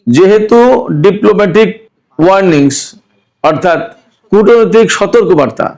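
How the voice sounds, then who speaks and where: Male news commentary host, slightly higher voice, deliberate and measured, likes rhetorical questions. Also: animated, a little mellow.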